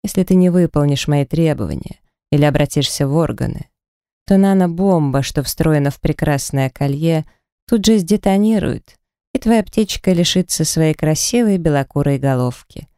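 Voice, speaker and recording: A cruel kidnapper taunts his rival in a smug, sing-song way, as a man reads him aloud. The voice is dark and smooth, recorded close and dry for an audiobook. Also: a little high, animated, moderate pace, no echo. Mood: menacing. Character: gloating male kidnapper villain, mocking and cruel.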